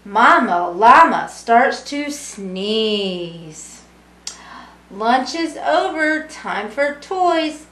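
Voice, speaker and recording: Speaking extremely slowly in a slightly high, sing-song voice with a fairly bright tone, a middle-aged woman reads a rhyming picture book to young children and offers little explanatory asides. She is an early childhood education student, recorded at home in a small brick-walled room with a roomy, echoing sound.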